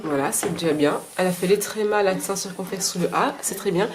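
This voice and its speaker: A woman's voice: lowish voice, noisy background. A mother filming at home, teaching her children and explaining her lessons in a casual, hesitant way. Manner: hesitant, fills pauses with "euh"; patient, encouraging with the children.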